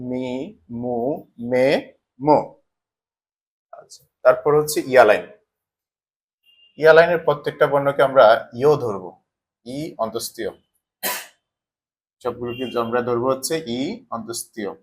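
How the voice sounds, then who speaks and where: Male teacher, mid pitch, patient stepwise explanation with rhetorical questions. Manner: asks questions and answers them himself, repeats patterns. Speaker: Japanese language teacher. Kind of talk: explaining a lesson step by step.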